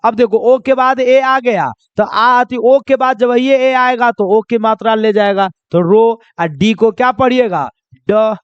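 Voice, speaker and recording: A man's voice: extremely high pitch, a little slow, clean tone, no echo, muffled recording. A man teaching pronunciation rules in a classroom-style lesson, constantly quizzing his listeners with repeated questions and calling them children. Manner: drills with repeated quiz questions; addresses viewers as children.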